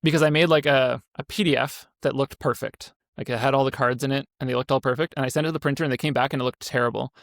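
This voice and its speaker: Gravelly-voiced man in his 30s, indie dev guest, loose rambling delivery, dry close sound. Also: medium pitch, steady tone, quick pace, few pauses, fairly bright tone, dry recording. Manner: rambling, self-correcting, frequent fillers. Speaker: indie game developer guest. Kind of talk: casual interview talk.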